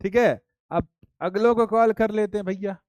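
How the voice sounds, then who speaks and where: High-voiced teasing man teacher. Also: moderate pace, a little mellow, no echo, dull audio. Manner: playful, teasing, calls names repeatedly. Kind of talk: online class video calls with students.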